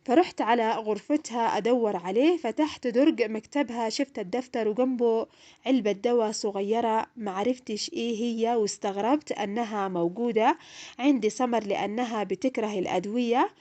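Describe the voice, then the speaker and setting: Fairly high, mellow young woman storyteller. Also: fairly quick, highs cut off. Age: young adult. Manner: emotional, plaintive storytelling. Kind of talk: first-person story narration.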